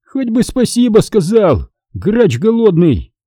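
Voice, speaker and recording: A man voicing a hot-tempered young soldier who scolds and shouts coarse insults. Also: high-pitched, big pitch swings, normal speed, dry recording, clean studio sound, voice pushed up, full character voice. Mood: angry.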